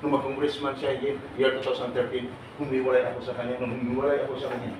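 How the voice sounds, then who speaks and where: At a seminar, a middle-aged man talks fast in a flat, mid-range voice, quizzing the audience and often joking and laughing. It's a lively lecture to a live crowd, captured from far off in an echoey, noisy room.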